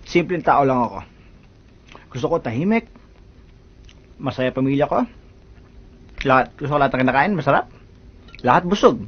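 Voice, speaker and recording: An actor playing a quiet, shy man who loves cooking and gets defensive, in a film drama. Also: medium pitch, lively intonation, normal speed, long pauses, husky, lo-fi sound. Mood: earnest.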